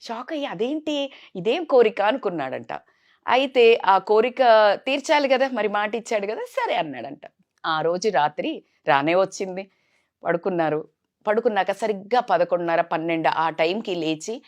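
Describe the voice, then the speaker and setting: A woman's voice: fairly low pitch, normal speed. Earnest woman telling a moral story. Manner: earnest and expressive, shifting between loud and hushed. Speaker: vlogger. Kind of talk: storytelling to a listener.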